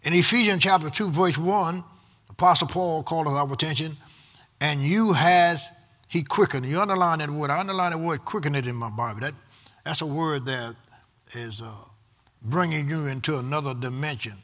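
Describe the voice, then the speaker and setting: Bright-voiced preaching man. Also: a little high, a little fast. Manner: rhythmic preaching with repeated refrains, rising in intensity. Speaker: pastor. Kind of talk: sermon.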